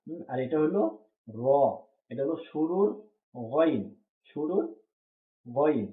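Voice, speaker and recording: A patient male teacher walks through letter names one at a time, repeating each pair and pausing to check understanding. The sound is thin and phone-like, with a hollow, echoey ring around the voice. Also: fairly high pitch, animated. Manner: repeats each letter name slowly, asks checking questions. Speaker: Quran reading teacher. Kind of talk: patient step-by-step letter drill.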